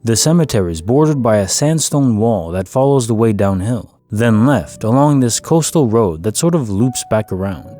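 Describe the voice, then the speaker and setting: Man, story narrator, calm measured delivery, mellow dark tone, faint music behind. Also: mid-range voice. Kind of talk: scripted first-person story narration.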